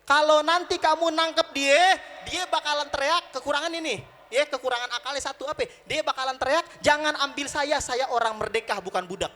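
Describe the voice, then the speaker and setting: A man's voice: very high-pitched, fairly even intonation, brisk, bright, forceful tone, pitched above the performer's own voice. A man doing a scheming prankster hawker. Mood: hawking. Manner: bold, teasing street-seller patter.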